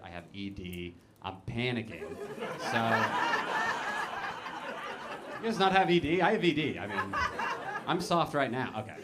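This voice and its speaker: A man's voice: lowish voice, very noisy. A man performing a self-deprecating stand-up comedy set, telling stories and acting out other people's lines. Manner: self-deprecating storytelling with acted-out quotes. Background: audience laughter.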